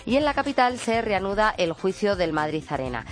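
A woman presenting a radio news roundup in a brisk manner, with chatty asides to her co-host. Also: mid-range voice, sing-song, soft background music.

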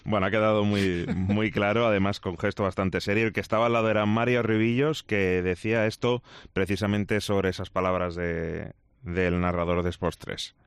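A man reporting sports news in a measured, explanatory way. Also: fairly low pitch, fairly even intonation, clear, resonant tone, dry recording.

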